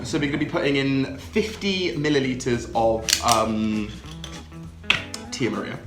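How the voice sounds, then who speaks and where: A man's voice: mid-range voice, animated, measured pace, music in the background. A young man hosting a drinks vlog in casual, upbeat chat, laughing often. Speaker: drinks channel host. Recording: echoey room.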